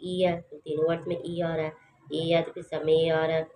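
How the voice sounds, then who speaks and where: A lower-pitched woman teacher with a Pakistani accent works through a children's English exercise. She reads each line slowly and carefully, then explains it in a plain, repetitive teaching manner. A faint hiss of noise sits under her voice. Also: rough recording. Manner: steady, repetitive teaching, spells words letter by letter.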